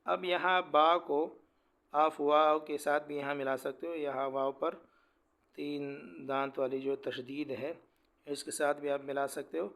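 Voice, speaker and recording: Male recitation tutor, smooth clear voice, fairly high and even in pitch, quick explanations broken by slow chanting. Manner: rapid explanations alternating with slow, drawn-out recitation. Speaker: Quran teacher. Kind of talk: tajweed lesson, spelling out letters.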